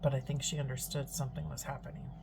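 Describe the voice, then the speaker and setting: A woman's voice: rumbling low, little pitch movement, quick pace, vocal fry, background noise. A middle-aged woman telling a story to camera as a prepper vlogger, earnest and rambling, often restarting her sentences.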